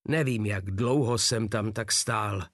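A man narrating a war novel as a first-person audiobook, in an even, measured reading. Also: on the low side, no room sound, studio quality.

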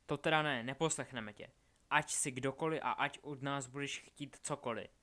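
A male reader plays a stubborn teenage wizard boy, loud and urgent. He lifts his voice in a storybook reading. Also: a little high, close to an everyday voice. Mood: defiant.

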